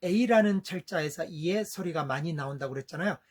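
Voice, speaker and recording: Husky-voiced man teaching English vowels. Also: a little high. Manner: patient, explains step by step and says English words slowly. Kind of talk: lesson on English vowel sounds.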